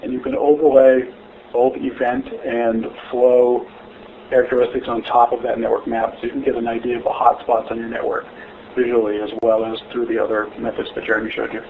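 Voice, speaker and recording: A man's voice: mid-range voice, little pitch movement, brisk, darkish tone. A man answers a webinar question in an easygoing way, hedging as he goes. His voice comes through a thin, phone-like line with a faint hiss.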